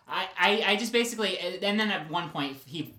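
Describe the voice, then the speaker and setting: A man's voice: high-pitched, animated, fairly quick, sharp tone, echoey room. A man hosting a podcast, telling a rambling, self-mocking story in casual chat. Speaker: podcast host.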